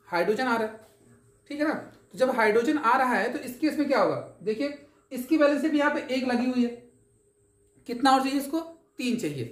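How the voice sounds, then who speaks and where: A woman with a fairly high voice gives a chemistry lesson. She explains patiently step by step, poses questions and answers them herself, and keeps checking that everyone follows. The room is echoey. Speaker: chemistry teacher. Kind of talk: classroom lecture.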